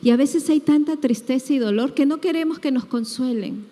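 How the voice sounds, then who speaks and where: A woman from Peru preaching a sermon, animated and acting out the voices of people she quotes. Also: high-pitched, normal speed. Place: church hall. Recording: hall reverb.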